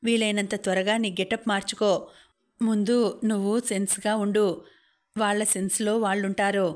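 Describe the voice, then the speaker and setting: A woman reading the part of a gentle hostel warden in an audiobook, speaking softly and in a measured way. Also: mid-range voice, level tone, natural voice. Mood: gentle advice. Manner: soft and measured.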